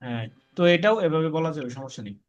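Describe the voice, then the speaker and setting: A man's voice: a little high, expressive, muffled recording. A man teaching an online spoken English class, patiently saying each word and its meaning for his students. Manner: patient, repeats words slowly for students.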